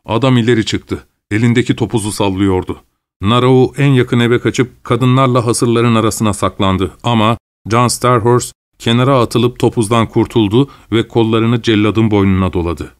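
Man reading a story, measured. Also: medium pitch, steady tone. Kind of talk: scripted narration.

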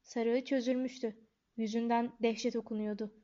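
A woman reads a storybook aloud in a calm, even voice. Her voice sits high. The recording is dull and lo-fi, as if the top end were cut off. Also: normal speed. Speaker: audiobook narrator. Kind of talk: scripted storybook narration.

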